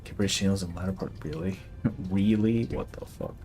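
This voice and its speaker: A man's voice: low voice, moderate pace, dark tone, faint music behind. A young man casually chatting and laughing through live gameplay commentary. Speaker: streamer.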